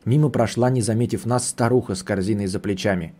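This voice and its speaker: A man reading a novel aloud in the first person, with a measured, steady storytelling delivery. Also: on the low side. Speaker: audiobook narrator.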